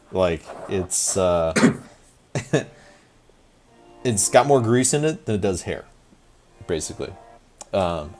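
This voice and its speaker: A man's voice: low voice, a little mellow. A man running a tabletop game as game master, rambling and stopping to correct himself, a bit tipsy from wine.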